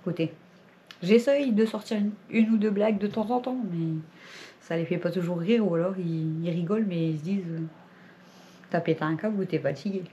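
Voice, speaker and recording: Woman, casual vlog chat, laughs a lot, very dark mellow voice, lo-fi home recording. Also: lowish voice, fairly quick, a little hiss or hum. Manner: chatty, rambling, laughs often. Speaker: family vlogger.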